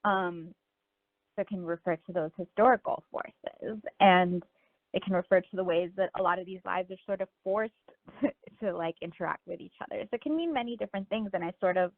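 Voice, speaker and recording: This Miami woman has a lowish voice and a brisk delivery, with no echo on the line. She's a guest author being interviewed, musing in a relaxed way and leaning on "like" and "you know," all through narrow phone-line audio from Miami, United States.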